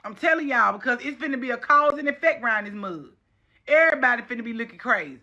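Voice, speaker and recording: A woman's voice: fairly high pitch, expressive, fast talker, sharp tone, dull audio. A woman with a Southern US accent giving an impassioned, casual social media rant, scolding and repeating phrases for emphasis.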